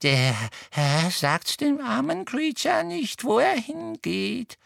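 Spiteful old house-elf, raspy, slow, wildly swooping pitch. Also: male voice, very animated, a bit bright, no room sound, clean studio sound, heavily acted. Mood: gloating. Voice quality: hoarse, cackling. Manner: slow, gloating, talks of himself in third person.

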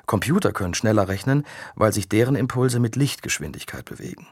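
A man voicing a patient, thoughtful young male scientist who explains things calmly in an audiobook. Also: lowish voice, brisk, husky, dry recording, clean studio sound. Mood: explaining. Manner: calm, explanatory.

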